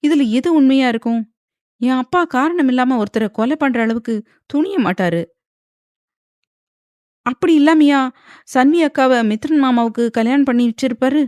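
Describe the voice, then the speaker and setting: A woman's voice: sits high, normal speed, long pauses, a little mellow, no echo, clean studio sound, pitched above the performer's own voice, close to an everyday voice. A woman narrator voicing a distressed young wife who cries, pleads and argues back. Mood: frantic. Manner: pleading, crying, agitated. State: crying. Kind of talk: audiobook character voice.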